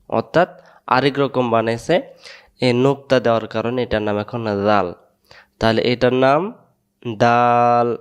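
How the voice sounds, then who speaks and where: A man with a Bangladeshi Bengali accent, teaching Quran letters and their pronunciation in a slow lesson where he drills each sound and asks the class to repeat it. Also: medium pitch, clean tone.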